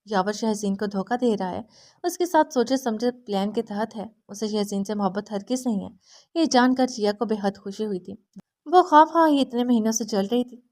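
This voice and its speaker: A woman narrating a romance novel in a steady, even reading voice. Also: mid-range voice. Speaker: audiobook narrator.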